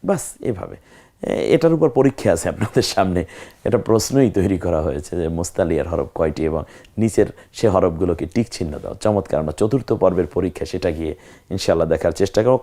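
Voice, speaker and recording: A man teaching Arabic letter pronunciation in a lesson, drawing out each sound slowly and repeating it to demonstrate. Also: sits low, lively intonation, mellow. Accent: Bangladeshi Bengali. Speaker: Quran recitation teacher. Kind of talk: online tajweed lesson.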